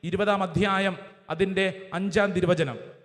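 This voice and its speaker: High-voiced priest preaching in a reverberant hall. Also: male voice, fairly even intonation, measured pace. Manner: leads listeners in repeating verses phrase by phrase; cites verses with English chapter numbers. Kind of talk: sermon with call-and-response.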